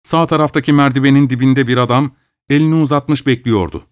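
A man reading a literary short story aloud in a measured, steady narration. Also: mid-range voice, no room sound, clean studio sound. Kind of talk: scripted narration.

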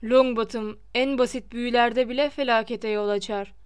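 A woman voicing a cold, scornful male professor in an audiobook, speaking slowly with quiet disdain. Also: a little high, steady tone, clean tone, natural voice. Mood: sneering. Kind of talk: audiobook character reading.

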